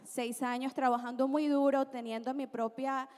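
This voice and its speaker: A woman's voice: sits high, flat delivery, moderate pace, a little mellow. A woman in the audience at a live podcast, asking an earnest, slightly hesitant question. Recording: reverberant live venue.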